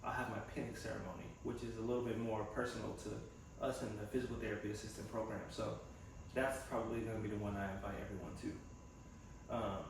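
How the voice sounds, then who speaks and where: With a lowish, creaky, flat voice, a young vlogger who studies to be a physical therapy assistant talks a little fast and hardly pauses, rambling reflectively in a casual personal vlog. The distant recording sits in an echoey room and has faint noise.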